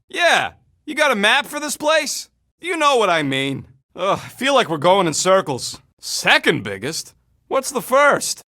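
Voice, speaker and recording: This small, cocky raccoon mercenary from a video game speaks high with wide pitch swings, bright, punchy bite, and a rough street-tough edge. Heavily acted, he's exasperated and snarky, firing off brash, slangy barks with irritable sarcasm.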